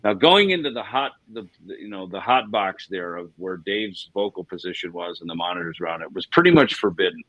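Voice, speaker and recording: A man's voice: deep voice, lively intonation, brisk, few pauses, bright, forceful tone, no echo, rough recording. A man in his fifties co-hosting a livestream, telling loose, rambling stories full of fillers, restarts and chuckles. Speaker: livestream co-host. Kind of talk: casual storytelling reminiscence.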